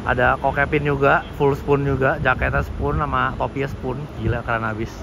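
A car vlogger with a Jakarta Indonesian accent gives enthusiastic, casual commentary outdoors at a car meetup, mixing slang with English car terms. His mid-range voice has little pitch movement, normal speed and vocal fry. Loud music plays behind this noisy outdoor vlog audio.

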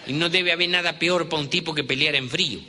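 A man's voice: on the high side, fast talker, bright, forceful tone. A man with an Argentine accent telling humorous stories, chatting with the audience and speaking to them directly. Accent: Argentine Spanish. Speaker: storyteller. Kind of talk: humorous folk storytelling. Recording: reverberant hall with faint noise.

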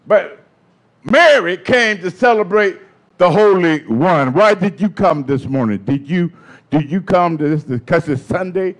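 A man preaching a sermon in call-and-response style, building from steady talk up to shouting. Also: fairly high pitch.

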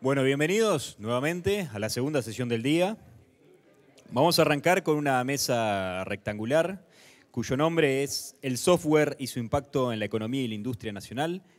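A man's voice: mid-range voice, lively intonation, normal speed. A man hosting a university event, formally introducing the panelists by name and title in an auditorium. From Uruguay. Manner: formal, listing names and titles. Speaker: event host. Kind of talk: introducing speakers.

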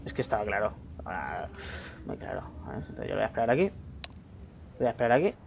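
A young man commentating his own gameplay, chatty, with excited outbursts and muttered asides. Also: fairly low pitch, quick pace, creaky. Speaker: gaming YouTuber. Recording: faint noise, mouse and keyboard clicks.

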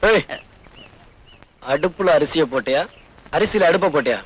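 A man's voice: on the high side, moderate pace, slight background noise, close to an everyday voice. An actor playing a vengeful man with a Tamil accent who taunts and threatens. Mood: stern. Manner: taunting, menacing. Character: vengeful, menacing young man. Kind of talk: Tamil film dialogue. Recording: film soundtrack with music.

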